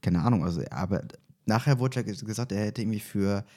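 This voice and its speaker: A man's voice: on the low side, quick pace, mellow. A man hosting a casual fan podcast in a hesitant, rambling way, recorded in an echoey space outside the studio.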